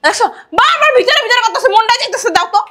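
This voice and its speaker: A woman playing a mother in a drama, loudly scolding her son-in-law in village dialect. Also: very high voice, rapid-fire. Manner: loud scolding in rural dialect. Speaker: mother of the bride. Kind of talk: Bangladeshi village drama acting.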